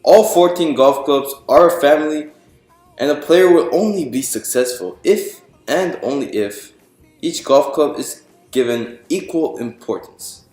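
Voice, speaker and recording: A slightly high, darkish-toned man reads a picture book aloud, animated but unhurried. He asks listeners questions and answers them in an explanatory storybook style. A roomy echo and background music fill the recording.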